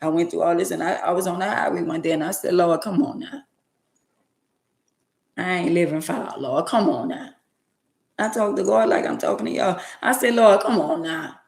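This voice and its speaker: A woman's voice: on the low side, normal speed, creaky, darkish tone, reverberant. A woman around sixty, talking emphatically and repetitively in a preachy, casual way on her livestream. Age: 60s. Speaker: livestream host.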